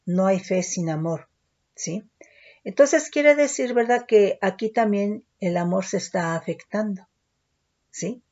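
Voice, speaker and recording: A woman preaching a sermon in a warm, mellow voice. She teaches steadily and keeps checking in with her listeners. The recording sounds dull and lo-fi. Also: medium pitch, slow. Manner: teaching, frequent tag questions.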